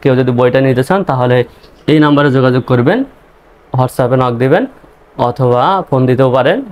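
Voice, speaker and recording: Man spelling out words slowly. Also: medium pitch, darkish tone. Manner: spells words letter by letter, slow and repetitive. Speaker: English teacher. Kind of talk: spelling-out reading lesson.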